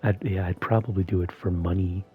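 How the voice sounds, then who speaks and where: A man hosting a video in a soft-spoken, half-monotone voice that is often whispered and slightly strained. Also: low-pitched, a little fast, narrow, tinny audio, soft background music. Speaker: video host. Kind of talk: soft-spoken ASMR-style commentary.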